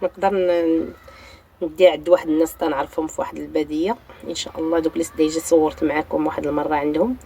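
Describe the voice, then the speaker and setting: A woman's voice: sits low, fairly even intonation, rapid-fire, warm tone, slightly rough. A woman with a Moroccan accent, chatting straight to her viewers in a home vlog filmed on a phone. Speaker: vlogger. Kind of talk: casual chat to viewers. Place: home balcony. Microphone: phone held while filming.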